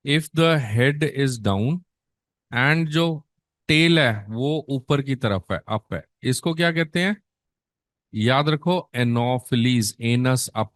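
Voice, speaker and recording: A man with an Indian accent gives an exam-prep lecture, switching between Hindi and English and firing rhetorical questions at his students. His voice sits a little high for a man, and he stretches key terms out slowly to stress them. The sound is dry and close, with no room around it. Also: a bit bright, no room sound. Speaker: nursing exam teacher.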